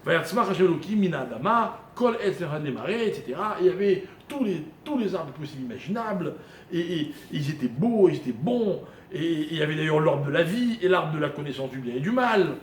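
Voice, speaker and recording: Male rabbi giving a live lesson, slightly high-pitched, quizzing listeners; roomy echo. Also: animated, brisk. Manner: questioning listeners, explaining Hebrew grammar step by step. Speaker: rabbi teaching a Torah class. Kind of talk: live Torah lesson to a small audience. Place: room with a small live audience. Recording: echoey room recording with faint noise.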